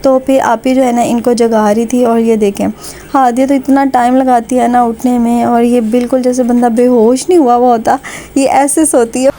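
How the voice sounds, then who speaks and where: A woman's voice: a little high, little pitch movement, normal speed, noisy background. A woman from Pakistan with a Pakistani Urdu accent, narrating her family vlog in a chatty, conversational way with frequent fillers. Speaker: vlogger.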